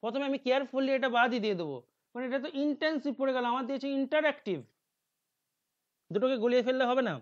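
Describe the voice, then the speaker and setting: A male teacher with a Bengali accent talks through exam questions in a lecture. He reads English phrases slowly and drops into quiet asides. The recording is dry and a little dull. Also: dry recording. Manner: explains slowly, reads English options aloud slowly, drops to low mutters.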